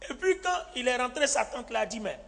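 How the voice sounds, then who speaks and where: A male pastor tells a story during a sermon in a very high-pitched voice with vocal fry, speaking a little fast. He's animated, acts out the quoted lines of the people in it, and laughs often. The live recording in a hall has long reverb and faint music.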